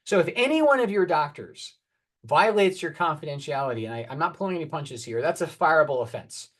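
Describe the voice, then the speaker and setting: A man's voice: on the high side, expressive, a little fast, a bit bright. A man, an oncologist giving a candid, earnest conference presentation and calling for his next slides.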